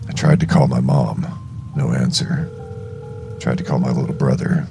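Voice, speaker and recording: A man playing an exhausted, shaken young survivor of a zombie outbreak, narrating a horror audio journal in a gravelly, halting voice. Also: fairly even intonation, music in the background, full character voice. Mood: tense, shaken. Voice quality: very deep, gravelly, creaky. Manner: slow, halting, heavy dramatic pauses.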